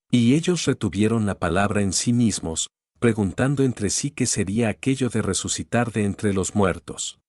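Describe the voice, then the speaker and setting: A man reading scripture aloud in a measured, even recitation. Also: on the low side, no room sound, studio quality. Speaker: Bible reader.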